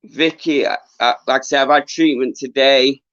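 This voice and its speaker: A middle-aged man talks casually to his livestream viewers, earnest and rambling, with frequent halts. His voice is mid-pitched and giving out a little. The sound is dry and somewhat muffled, like a lo-fi phone stream. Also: fairly even intonation, normal speed, fairly bright tone, no room sound. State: losing his voice. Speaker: livestream host, former boxer. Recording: dull lo-fi livestream audio.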